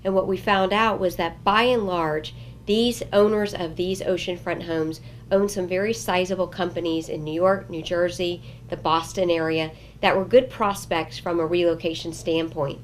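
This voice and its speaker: A woman's voice: lowish voice, steady tone, normal speed, slight background noise. A woman with an American accent giving formal, explanatory answers as an executive interviewee. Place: office interview.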